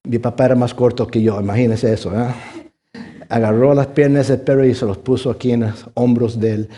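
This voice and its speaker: A middle-aged male pastor preaching a sermon, rising to loud emphatic peaks and dropping to hushed tones, often tossing in a questioning "ah?" to the congregation. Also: medium pitch, fairly even intonation, brisk. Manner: swings between loud emphatic rises and hushed quiet passages; punctuates points with questioning "ah?" tags.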